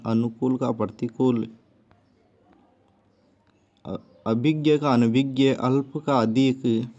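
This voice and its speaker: Male teacher, unhurried and methodical, listing word pairs, dull lo-fi sound. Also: medium pitch, a little mellow. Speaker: Hindi teacher. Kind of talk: spoken grammar lesson. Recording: dull lo-fi recording.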